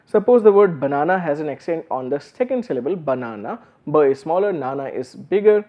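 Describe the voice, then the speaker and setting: A man lectures to students in a somewhat high voice, working through examples patiently. He pauses often on fillers and restarts his sentences. The recording is a bit dull and lo-fi. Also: expressive. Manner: many fillers and restarts, explanatory. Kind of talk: university lecture.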